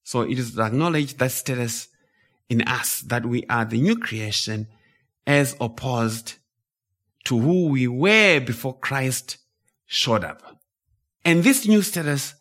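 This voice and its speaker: A man who grew up in Zimbabwe delivers a sermon at an unhurried pace. His voice sits a little high for a man, and he leans on key phrases and repeats them for emphasis. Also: pushed and bright. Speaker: preacher.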